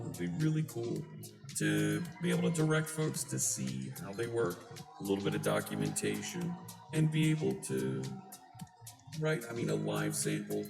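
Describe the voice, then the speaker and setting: A live coding streamer talking through a voice changer that shifts the voice deep, chatting casually with a wry, self-deprecating manner. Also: vocal fry. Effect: deep pitch-shifting voice changer. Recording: roomy sound with music behind. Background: background music.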